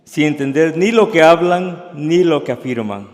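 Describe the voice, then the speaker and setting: A man in the congregation reading a scripture phrase aloud in a slow, measured way. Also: on the high side, lively intonation, big-room sound.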